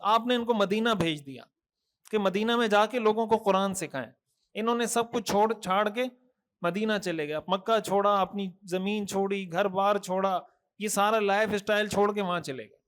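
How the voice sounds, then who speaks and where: A man's voice: high-pitched, a bit bright. A man, a mufti giving a Thursday night sermon, earnest and admonishing, with many rhetorical questions and repeated lists. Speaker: mufti preacher.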